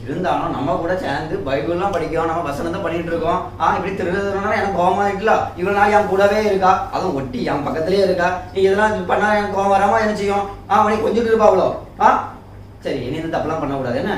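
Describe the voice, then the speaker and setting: A man's voice: high-pitched, fast. A man scolds and preaches as a Sunday school teacher in a children's skit, ending his lines with questions. He is heard from far off in a very echoey room, with faint hiss underneath. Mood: preachy.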